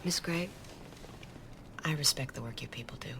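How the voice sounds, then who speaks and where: An actress playing a self-assured woman child therapist who talks down in a measured, patronizing way. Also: low-pitched, background noise. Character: condescending woman psychologist, smooth and self-assured.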